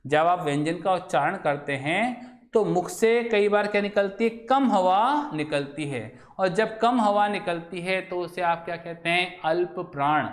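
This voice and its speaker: A male teacher giving a Hindi grammar lecture in a classroom, asking the class questions and answering them himself. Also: sits high. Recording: echoey room.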